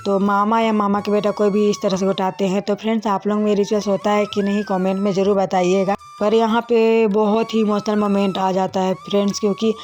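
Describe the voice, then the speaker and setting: A woman's voice: medium pitch, little pitch movement, fairly quick, hardly any pauses, a little mellow, soft background music. A young woman, narrating her own wedding video in a casual, chatty voice-over and talking straight to her viewers as friends. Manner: chatty, addresses viewers as friends, many fillers.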